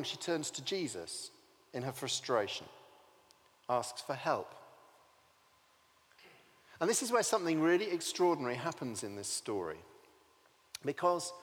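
A man's voice: on the high side, long reverb tail. A man preaching a sermon, telling the story vividly and asking rhetorical questions.

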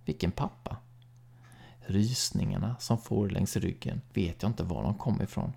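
Reading a horror short story aloud, this man has a low, gravelly, husky voice. His delivery is calm and measured, and now and then it sinks to a hush.

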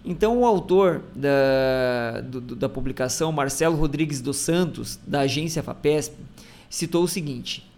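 A man's voice: mid-range voice, a little slow, a little mellow. A man reads a news article about a health study aloud, adding casual asides and restarts as he explains it.

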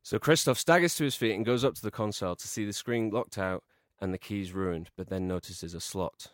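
A man with a fairly low voice reads a long comic film pitch aloud, steady and deadpan. The recording is close and dry, with no room sound. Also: fairly quick, dry recording. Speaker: podcast co-host.

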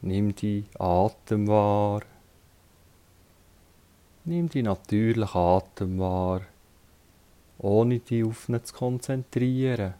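Long pauses punctuate the short, calm cues of a male yoga teacher leading a guided relaxation. His voice sits lowish and carries a Swiss German accent.

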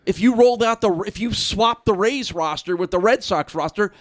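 A man's voice: high voice, normal speed. A man co-hosting a sports podcast, talking in an emphatic, opinionated way. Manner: emphatic, opinionated, restarts his phrases. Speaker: podcast co-host. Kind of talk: casual sports podcast chat.

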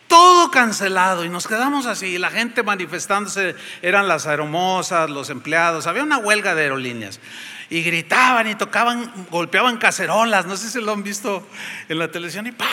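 Mexican male pastor, high bright voice, animated storyteller, church reverb. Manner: lively storyteller acting out voices. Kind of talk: sermon with storytelling. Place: church hall.

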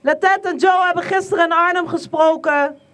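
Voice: very high-pitched, steady tone, a little fast, fairly bright tone. A rally organizer outdoors in the rain, plainly announcing the next speakers.

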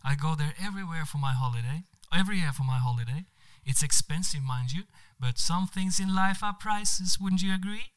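A man's voice: medium pitch, a bit bright, natural voice. A man voicing a self-important Norwegian woman with an affected, showy way of talking. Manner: affected, showy, drawn-out speech. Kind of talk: comedic story reading.

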